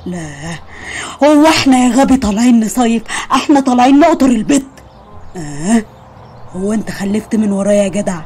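A woman voicing a silly, grumbling male kidnapper in an Egyptian accent, talking in a low mutter. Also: lively intonation, brisk, mellow, husky. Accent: Egyptian Arabic.

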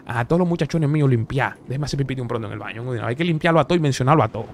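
A young man, streaming a role-play game. He talks fast and animated through his headset mic, joking and boasting in character and to his viewers. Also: medium pitch, slight background noise. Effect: livestream headset mic audio. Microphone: headset microphone.

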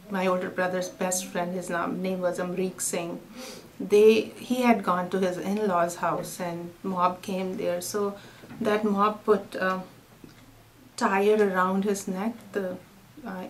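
A middle-aged woman with an Indian English accent, giving an oral history interview in a halting, soft-spoken way. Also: medium pitch, a little hiss or hum, poor audio. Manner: halting, soft-spoken, drops to near-whisper at grim moments.

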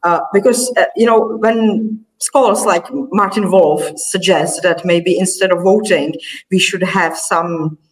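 Halting woman from the Republic, distant. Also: on the low side, fairly even intonation. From Czech Republic. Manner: halting, restarts phrases while framing long questions. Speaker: interviewer. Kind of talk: interview questions.

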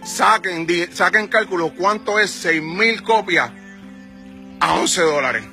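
Standing on a sunny residential street, a forty-something music manager from Puerto Rico rants heatedly into a phone held at arm's length, peppering his followers with rhetorical questions. His Puerto Rican Spanish-accented voice sits high and comes out slow, bright, and forceful.

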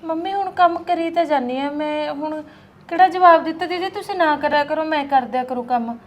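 An actress playing a patient, childless young wife who pleads softly with her family. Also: high voice, a little fast, natural voice. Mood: pleading. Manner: pleading, soft-spoken. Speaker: actor. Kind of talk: Punjabi short film acting.

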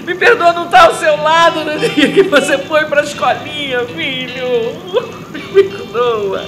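A woman's voice: high-pitched, unhurried. An actress playing a grieving mother who lost her son, in an intense, pleading theatre monologue. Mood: tender. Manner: intense, pleading, breaking into shouts. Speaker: stage actress. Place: theatre stage. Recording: echoey theatre with loud music.

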